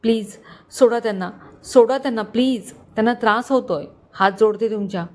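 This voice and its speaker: A woman voicing a frightened young wife who begs tearfully, her voice rising high. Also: flat delivery, extremely slow. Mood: pleading. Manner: begging, panicked, tearful.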